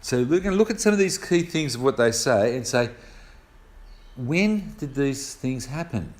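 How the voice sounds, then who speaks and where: An older Australian man gives a Bible teaching in an easygoing, conversational style. He walks through each point step by step and drops in homely stories along the way, with a voice of ordinary middle pitch. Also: lively intonation, moderate pace. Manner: conversational, explains step by step with personal anecdotes. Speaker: preacher. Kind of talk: sermon teaching on scripture.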